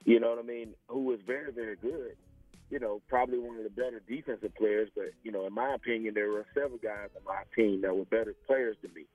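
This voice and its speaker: A man's voice: lowish voice, steady tone, quick pace, no room sound. A man in his forties from small-town Alabama with a Southern US accent, telling his story casually and often saying "you know.". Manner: conversational, peppered with "you know". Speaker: interview guest, former pro football player. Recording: tinny phone line, faint music.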